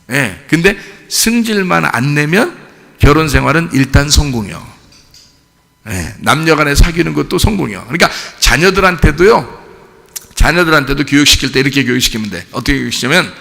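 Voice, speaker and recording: A man preaching a sermon as pastor, colloquial and animated, often asking his congregation questions. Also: mid-range voice, vocal fry, long reverb tail. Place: church sanctuary.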